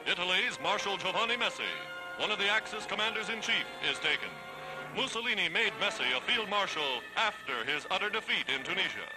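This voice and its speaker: High-voiced man narrating an old newsreel. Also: animated, a little fast, low-quality recording. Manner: declamatory, stirring, triumphant. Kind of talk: 1940s wartime newsreel narration. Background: loud music.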